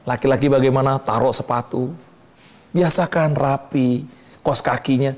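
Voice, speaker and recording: In a reverberant hall, an animated male preacher teaches a discipleship class through a lively call-and-response sermon. He keeps asking "betul tidak?" and pausing for replies, swinging between high exclamations and low asides.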